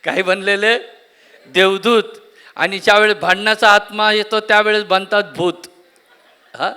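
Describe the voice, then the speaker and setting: A man's voice: high-pitched, steady tone, a little slow, bright, forceful tone, clear, resonant tone. A man preaching a sermon at a church conference, often asking the congregation questions and repeating key words. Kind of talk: Marathi sermon.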